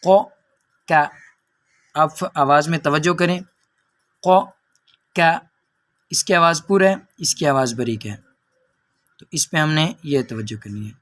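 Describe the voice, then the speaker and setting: A man teaching Quran reading, slowly drawing out each syllable in drills, then explaining briskly. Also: fairly high pitch, fairly bright tone. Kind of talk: recitation lesson with drills.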